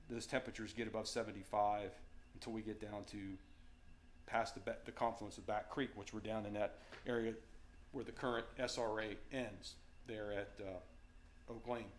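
A man's voice: lowish voice, little pitch movement, a little slow. A middle-aged man with a Virginian accent gives an unscripted slide talk as a fisheries manager, with many fillers and restarts. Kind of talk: slide presentation lecture. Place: darkened meeting room with audience.

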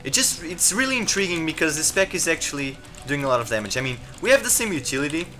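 A man giving live commentary while playing a game, rambling with many fillers and restarts and reacting excitedly to the action. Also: fairly high pitch, fast talker, faint music behind. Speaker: gameplay commentator.

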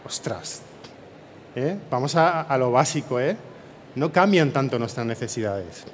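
A man with a Spain Spanish accent giving a motivational conference keynote, speaking energetically to a live audience and tagging his phrases with quick "eh?" and "no?". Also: medium pitch, big-room sound, a little hiss or hum. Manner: energetic, peppers speech with "¿eh?" and "¿no?" tags; addresses and rallies a live audience. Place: conference stage before an audience.

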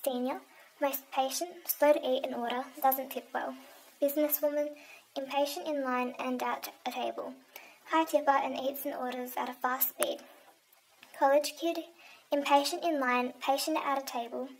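A young woman with a high, light voice reads a game review from a script. She keeps a steady, even delivery and now and then slips on a word. A faint hiss and a few clicks sit under the recording. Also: moderate pace, poor audio. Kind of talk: read-aloud scripted review. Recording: faint background noise with clicks.

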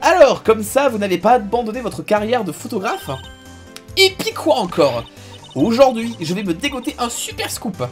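A woman reading game lines as a brash female photographer with a Marseille accent, talking loud and sing-song. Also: fairly high pitch, sing-song, normal speed, soft background music, voice pushed up. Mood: excitable. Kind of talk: reading game dialogue aloud.

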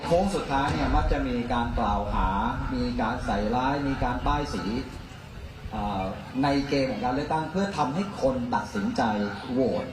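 A male politician giving a rally speech in a halting way, repeating words as he goes. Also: medium pitch, expressive. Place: outdoor rally stage. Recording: echoey distant PA, noisy outdoor ambience.

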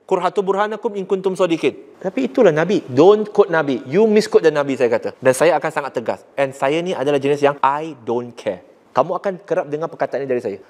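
Forceful Malaysian preacher in a reverberant hall. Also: male voice, a little high, fast talker. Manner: blunt and forceful, switches between languages; rises sharply when making a point. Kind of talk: lecture on preaching to young people.

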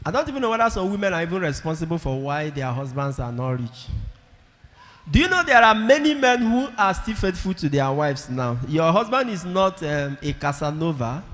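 Emphatic priest preaching in a church. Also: male voice, fairly high pitch, fairly bright tone. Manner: emphatic, repeats key phrases, calls for audience responses. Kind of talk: sermon. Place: large church with congregation. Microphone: handheld microphone. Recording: long church reverb.

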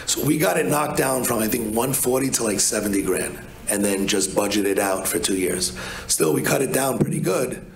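A man's voice: medium pitch, animated, normal speed, vocal fry, echoey room, low-quality recording. A man, talking bluntly and casually on a conference panel, with many restarts. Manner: blunt, chatty, with many restarts and "you know". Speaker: energy advisor on a conference panel. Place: large hotel conference room.

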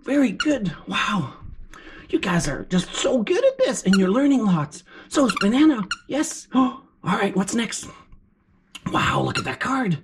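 A woman voicing an excitable, encouraging furry puppet as a kids show host, with gasps and exclamations while teaching children. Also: on the high side, unhurried. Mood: excited, encouraging. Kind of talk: children's lesson, sing-out praise and questions. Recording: clear background noise.

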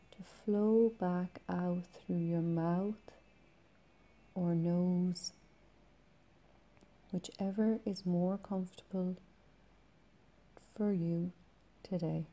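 Very mellow, soft-spoken woman guiding meditation. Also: lowish voice, dull audio. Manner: soft, breathy, soothing delivery with long pauses. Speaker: meditation guide. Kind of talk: guided meditation.

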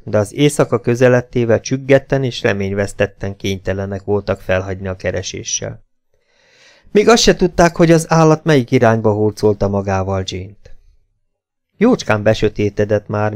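A man narrating an adventure audiobook in a dramatic, measured storytelling manner. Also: fairly low pitch, darkish tone.

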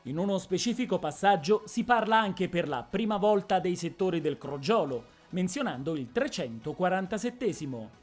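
A woman narrating a fantasy story in a measured, expressive reading style. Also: on the low side, soft background music. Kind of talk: dramatic audiobook narration.

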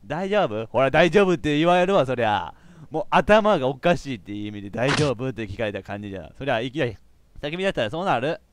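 A man with a commentating a live game stream, animated, often laughing and shouting. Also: medium pitch, fast. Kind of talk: live let's play commentary.

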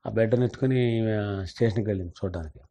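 Low, mellow-voiced older man telling a story. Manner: earnest, unhurried storytelling, mixing in English words. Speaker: senior journalist. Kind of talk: storytelling interview.

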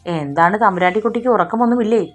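A woman voicing a gentle, caring young husband in a romance audiobook, speaking softly and calmly. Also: mid-range voice, very fast, soft background music, pitched above the performer's own voice, close to an everyday voice. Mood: tender. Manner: soft, calm and protective.

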